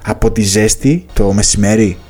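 A man's voice: on the low side, darkish tone, breathy edge. Laughing, swearing man. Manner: laughing storyteller, swears a lot. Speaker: podcast host. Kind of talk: casual chat.

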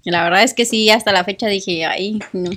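A woman telling a story in casual podcast chat, animated, acting out family voices and laughing often. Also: medium pitch, normal speed.

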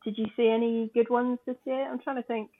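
A woman co-hosting a casual podcast chat, chatty and quick to laugh. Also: a little high, level tone. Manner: chatty, laughs easily, many fillers. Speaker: podcast co-host. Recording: tinny phone-like line.

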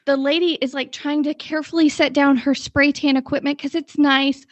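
A woman's voice: high voice, flat delivery, normal speed, no room sound. A woman co-hosting a casual chat show, a rambling storyteller who goes off on tangents, recorded with a dull, slightly lo-fi sound. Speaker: podcast co-host.

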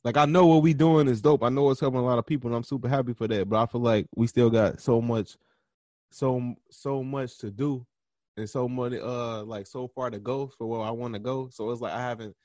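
A young man talks in an easygoing, slangy way, stopping and restarting as he works out his answers. His voice sits at an ordinary middle pitch. The sound is close and dry, with no room around it. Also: fairly quick, no echo. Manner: relaxed, slangy, thinking aloud with many restarts. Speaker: podcast host being interviewed. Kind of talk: casual interview conversation.

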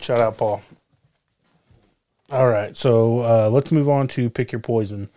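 A man co-hosting a casual podcast chat, talking in a relaxed way with frequent fillers. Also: medium pitch, unhurried, no room sound, studio quality. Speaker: podcast co-host.

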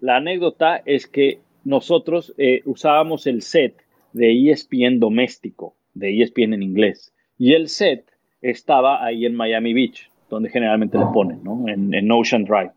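A man's voice: mid-range voice, normal speed, no echo, dull audio. A man, a sports commentator telling stories in a casual interview, acting out quotes. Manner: animated anecdote-telling, acts out quotes.

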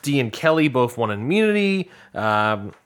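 A man's voice: mid-range voice, very animated, normal speed, a bit bright, smooth. A man co-hosting a casual podcast chat who talks in a playful, teasing way. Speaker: podcast co-host.

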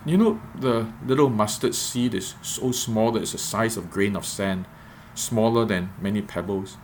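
Low-pitched man, reflective devotional. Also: a little hiss or hum. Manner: measured and reflective, repeats phrases for emphasis. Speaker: preacher giving a podcast devotional.

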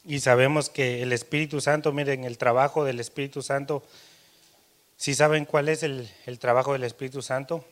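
A man preaching a sermon, telling a personal story, his voice rising louder and dropping soft. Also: mid-range voice, steady tone, normal speed.

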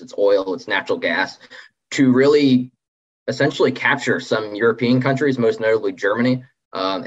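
Male interview guest, rough husky tone, conversational explainer, dull low-fidelity recording. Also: fairly bright tone. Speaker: interview guest, policy associate. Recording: dull, lo-fi audio.

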